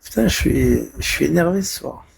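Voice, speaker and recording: A man's voice: fairly high pitch, lively intonation, normal speed, creaky, a little hiss or hum. A man in a rambling live stream chat, irritable and swearing constantly, talking from a friend's apartment.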